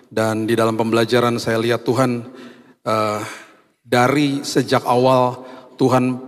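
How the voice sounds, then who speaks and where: Hoarse preaching man in reverberant hall. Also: mid-range voice. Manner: emphatic preaching with slowed stressed phrases. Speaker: pastor. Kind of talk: sermon. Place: church hall.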